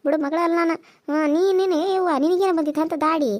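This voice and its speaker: A woman's voice: very high voice, fairly even intonation, quick pace, a little mellow, no room sound, studio quality. Woman doing a fiery old village aunt. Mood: indignant. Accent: North Karnataka Kannada. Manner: scolding, indignant. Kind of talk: cartoon serial voice acting.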